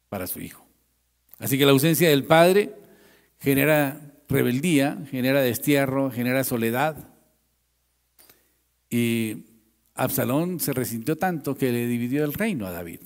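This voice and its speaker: Gravelly pastor preaching a dramatic sermon. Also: male voice, medium pitch, in a large hall. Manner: dramatic storytelling, swinging from loud to hushed.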